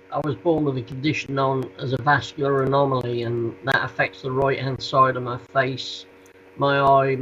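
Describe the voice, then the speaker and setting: A man with a Norfolk accent chats casually as an interview guest. His voice sits at a medium-high pitch and comes through a dull call line with faint noise behind it. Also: fairly bright tone. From Norfolk, England. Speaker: podcast guest.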